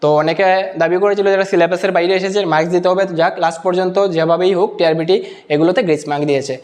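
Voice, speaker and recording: A man working through exam answers, reading each English question out slowly and then explaining it in Bengali mixed with English terms. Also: high voice, fairly even intonation, a little mellow. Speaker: exam-prep teacher.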